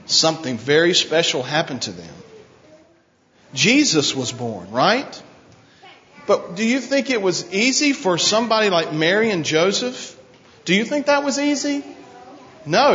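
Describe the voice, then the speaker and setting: Brief: man, high voice, unhurried, children's sermon in a church, question-and-answer with kids, dull lo-fi sound. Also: fairly bright tone. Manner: asks children questions, call and response. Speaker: children's minister. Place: church sanctuary with a balcony. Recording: dull lo-fi recording, long church reverb.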